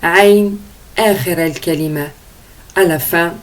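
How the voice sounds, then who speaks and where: A woman teaching Arabic letters slowly, sounding out each vowel and explaining in French. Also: lowish voice. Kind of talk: slow letter-by-letter pronunciation lesson.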